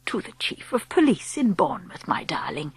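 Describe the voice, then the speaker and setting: A woman voicing a gentle, wise grandmother in her eighties, speaking slowly in a soft, whispery hush. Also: mid-range voice, very animated, slightly rough, no room sound. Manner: slow and hushed.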